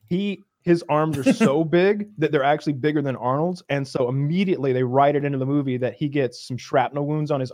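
A man's voice: fairly high pitch, dry recording, studio quality. A man in casual podcast chat, telling stories animatedly and acting out grunts and commands. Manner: animated storyteller, acts out grunts.

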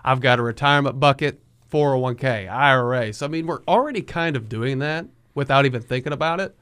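A man's voice: medium pitch, fast talker, fairly bright tone, smooth. A man working as a financial advisor, explaining savings with everyday examples in a casual way. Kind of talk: financial radio talk.

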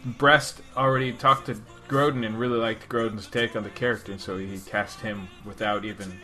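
A man co-hosting a casual movie discussion in a halting, rambling way. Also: fairly low pitch, steady tone, pushed and bright, faint music behind. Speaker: podcast co-host.

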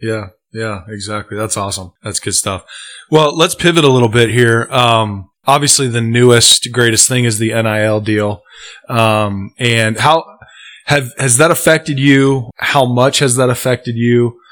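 Man, coach and co-host, bright sharp voice, easygoing questions, garage studio. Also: mid-range voice. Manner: quick reactions, easygoing questions. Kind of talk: casual interview chat.

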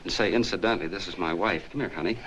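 A man playing a chatty small-town soda jerk who rambles on in a folksy way, his voice sitting very low. It sounds like an old 1940s film soundtrack with a faint hiss under it. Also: fast talker, lightly acted. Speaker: soda fountain clerk telling a story.

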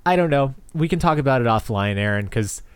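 A man's voice: mid-range voice, expressive, a little fast, smooth, no room sound. A man from New England hosting a podcast in casual chat, joking and swearing, with big swings in his voice. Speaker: podcast host.

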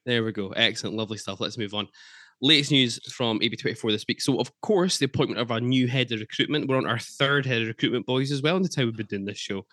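A man hosting a casual football podcast, chatty and quick to swear, laughing between points. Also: mid-range voice, pushed and bright, dry recording. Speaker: podcast host.

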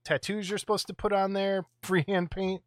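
A man's voice: high voice, flat delivery, moderate pace, dry recording, studio quality. A middle-aged man co-hosting a casual show-and-tell about model kits, rambling and chuckling as he goes. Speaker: co-host of a model kit show.

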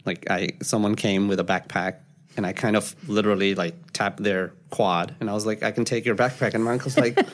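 A man, a podcast guest who tells stories in a casual, animated way. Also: fairly low pitch, brisk. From Pakistan. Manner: animated storyteller, acts out quoted voices. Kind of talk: casual storytelling interview.

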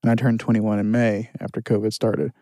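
A man's voice: fairly low pitch, flat delivery, brisk, gravelly, dark tone, no echo, clean studio sound. A man in his twenties chatting casually on a podcast, reflective and hesitant with many fillers. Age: 20s. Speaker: podcast co-host. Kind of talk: casual chat.

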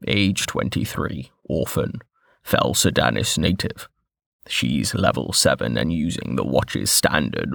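A man voicing a blunt, smug middle-aged male information broker with a rough, gravelly voice. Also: very deep voice, a bit bright, no room sound, clean studio sound, pitched below the performer's own voice, full character voice.

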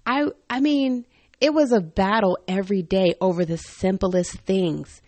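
Lively, laughing woman telling stories. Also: mid-range voice, measured pace, no room sound. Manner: animated, laughs often, candid and humorous. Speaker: podcast host. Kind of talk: personal storytelling monologue.

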